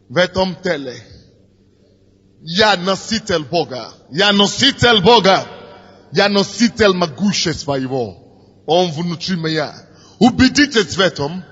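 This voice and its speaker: Music and hall reverb color this dull, lo-fi recording of a pastor preaching in a high, bright, forceful voice. He builds in fervor, repeats his phrases and guides the congregation in prayer.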